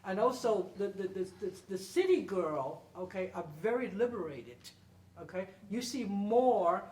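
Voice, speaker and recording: In a warm, expressive mid-range voice and an unhurried rhythm, an older performer and panelist spins animated stories for the audience at an indoor public library event. She stresses her points, repeats phrases, and keeps asking "okay?" The distant microphone gives a roomy sound with a little noise.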